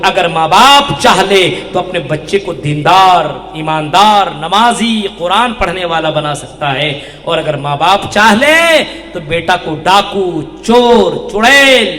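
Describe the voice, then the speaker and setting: Impassioned preacher in an echoey hall. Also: male voice, high voice. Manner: impassioned, rising to shouts. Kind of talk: Islamic sermon. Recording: echoey hall with long reverb.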